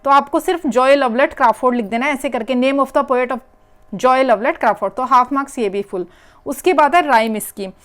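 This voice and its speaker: High-voiced woman teaching step by step. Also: a little fast, fairly bright tone. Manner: explains step by step, repeats key words. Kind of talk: exam paper walkthrough lesson.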